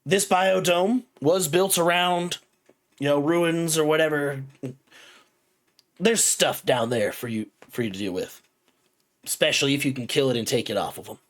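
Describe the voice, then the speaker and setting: A game master voicing a gruff, bored male lizardfolk captain who grumbles and curses impatiently. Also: mid-range voice, normal speed, voice pushed up, lightly acted.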